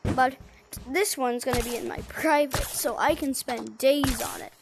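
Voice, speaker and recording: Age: unknown. Sex: woman. Pitch: high. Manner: rambling, chatty, self-correcting. Style: casual gameplay commentary. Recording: noisy game capture. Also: a little slow, vocal fry. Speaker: gaming video creator.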